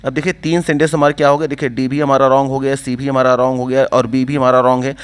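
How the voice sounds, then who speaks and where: A man's voice: mid-range voice, flat delivery, fast, smooth. Man teaching English grammar. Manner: explains step by step, asks and answers his own questions. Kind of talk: exam-prep lesson.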